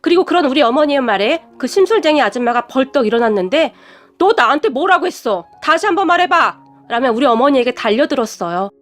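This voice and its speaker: Woman narrating a story, high voice, soft music behind. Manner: steady storytelling. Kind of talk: scripted narration.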